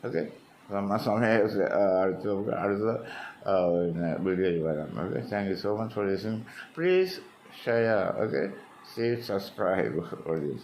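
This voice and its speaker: A man with a Malayali accent teaches a spoken English lesson in a fairly low voice. He explains point by point and drills words with heavy stress. A faint hiss runs under the recording. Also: sing-song, slow, darkish tone.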